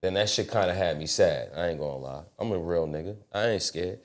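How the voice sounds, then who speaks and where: A man telling a personal story as a guest on a casual studio talk show, profane and animated. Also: sits low, fairly quick. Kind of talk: casual podcast chat. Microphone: studio mic.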